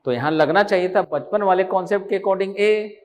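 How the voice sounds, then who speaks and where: Man, teacher, high-pitched voice, online exam-prep lesson, keeps asking and answering his own questions. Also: moderate pace. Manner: questioning, asks students constantly and answers himself.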